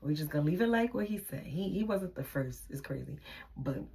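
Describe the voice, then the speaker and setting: A woman's voice: sits low, lively intonation, a little fast, gravelly, mellow, a little hiss or hum. A young woman telling a personal relationship story in a candid, venting storytime vlog, sometimes dropping into a whisper.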